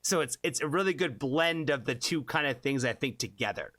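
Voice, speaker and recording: A man's voice: mid-range voice, lively intonation, brisk. A young man hosting a music reaction channel, chatting casually and rambling with many fillers and restarts. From born in Japan, left as an infant.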